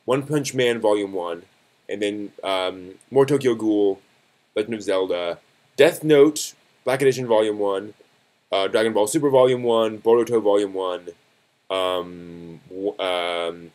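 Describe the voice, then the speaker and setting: This fairly low, darkish male voice belongs to a live-stream host commenting on the news. He talks casually and conversationally, somewhat haltingly, and often backtracks to fix what he said.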